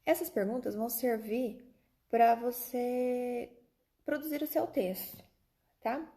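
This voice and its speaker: A woman's voice: on the high side, fairly even intonation, slow, warm tone. A Brazilian woman teacher giving an online lesson to children, explaining step by step and often checking that they follow. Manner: addresses children directly with frequent checking tags and diminutives. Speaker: primary school teacher.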